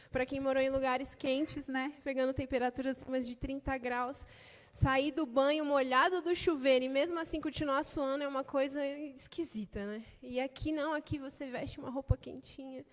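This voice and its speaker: A woman's voice: high voice, steady tone, moderate pace, in a large hall. A young woman with a Brazilian Portuguese accent preaching a sermon in a chatty, conversational way, often adding tag questions. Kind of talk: sermon with opening prayer.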